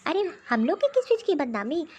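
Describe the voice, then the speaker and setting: A woman voicing a sharp-tongued, defiant young daughter-in-law in a cartoon story. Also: high-pitched, sing-song, fairly quick, a little hiss or hum. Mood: indignant. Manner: talking back, defiant.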